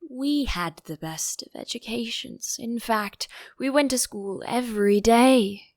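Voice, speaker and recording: Woman voicing a slow, mournful old turtle creature. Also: on the high side, darkish tone, no echo, studio quality. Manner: slow, drawn-out, mournful delivery. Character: melancholy, sighing old male Mock Turtle, touchy. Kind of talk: audiobook character voice.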